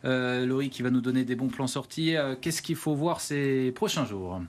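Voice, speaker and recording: Man, TV presenter, studio set, hesitant with fillers, medium pitch. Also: normal speed. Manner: hesitant, many "euh" fillers. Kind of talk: studio talk show hosting.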